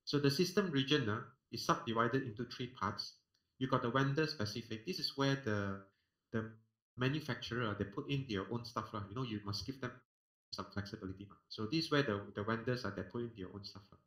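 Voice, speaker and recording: A man's voice: medium pitch, fairly quick, fairly bright tone. A man with a Singaporean accent giving an explanatory technical lecture in a colloquial way, often posing questions and answering them himself. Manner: colloquial, uses sentence-end particles, poses and answers own questions. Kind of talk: explanatory technical lecture over screen share. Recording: roomy, echoing online lecture audio.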